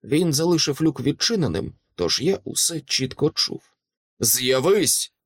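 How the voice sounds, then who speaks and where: A man's voice: a little high, big pitch swings, moderate pace, slightly rough, no echo, clean studio sound. A man narrating a first-person audiobook in a dramatic, tense reading.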